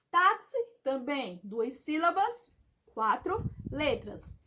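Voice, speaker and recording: A woman's voice: very high-pitched, sharp tone. A woman teaching a grammar lesson in a video, who asks questions and answers them herself and checks in with "tá?". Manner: ends phrases with a checking "tá?"; says example words slowly and clearly. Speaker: Portuguese teacher.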